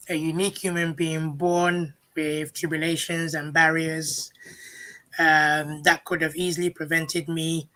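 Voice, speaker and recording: A man, giving a personal account in a halting, deliberate way as an interview guest. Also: fairly high pitch, sharp tone. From England. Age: 30s. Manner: halting, deliberate, restarts words.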